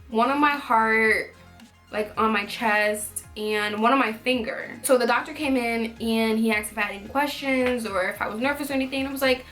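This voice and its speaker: High-voiced young woman telling a story. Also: fairly bright tone. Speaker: vlogger telling a personal story. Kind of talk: casual storytelling to viewers.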